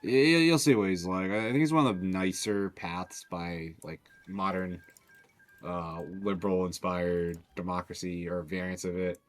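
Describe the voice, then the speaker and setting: Deep-voiced mod dev, rambling casual stream talk, swears. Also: male voice, steady tone, moderate pace. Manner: rambling, loose talk full of fillers and swearing.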